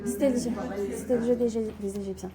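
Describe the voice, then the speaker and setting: Speaking quickly in a steady, fairly high voice over a loud crowd, a woman with a cold leads a recorded Torah class. She asks the class questions, then answers them, repeatedly checking "d'accord?"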